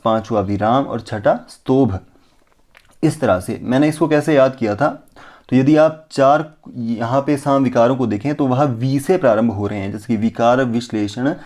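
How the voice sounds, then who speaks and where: A man teaches an exam-prep lesson to a close mic, at a plain, middle pitch. He asks himself rhetorical questions and answers them right away. Now and then he slows down to draw out chanted syllables as examples. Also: a little mellow. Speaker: Sanskrit teacher.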